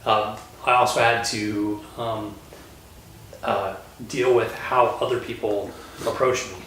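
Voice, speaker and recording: A man from Colorado, a lawyer, hosting a relaxed panel chat, talking with many fillers and pauses. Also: lowish voice, slight background noise. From Colorado, USA. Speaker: host, lawyer. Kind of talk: casual panel conversation. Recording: roomy echo, distant mic.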